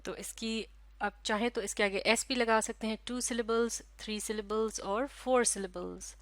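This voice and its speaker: A woman teacher giving a recorded lesson, talking slowly and patiently, breaking words into syllables and repeating them. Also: a little high, steady tone, dry recording. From Pakistan.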